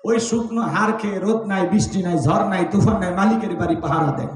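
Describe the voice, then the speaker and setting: A man preaching a rousing open-air sermon, calling on the crowd to shout back and acting out little story voices. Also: sits high, fast, recorded from a distance. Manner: acts out voices of family and a dog in stories. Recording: loud echoing PA sound from afar.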